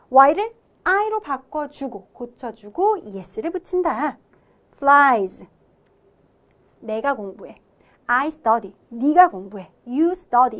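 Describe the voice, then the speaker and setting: A woman teaching an English grammar lesson, explaining step by step and asking questions that she then answers herself. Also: sits high. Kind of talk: classroom grammar lecture.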